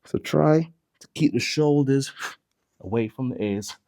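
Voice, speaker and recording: Male Pilates instructor, slow and mellow, short of breath, steady counting cues. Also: medium pitch. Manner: calm cueing with breath counts. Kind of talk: guided workout instruction.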